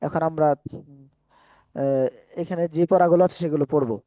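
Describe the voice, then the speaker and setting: A mellow, fairly high-pitched man with fairly even intonation teaches an online Quran class, patiently covering letter sounds and vowel marks step by step and now and then chanting phrases in slow, drawn-out recitation. The recording is dry and lo-fi.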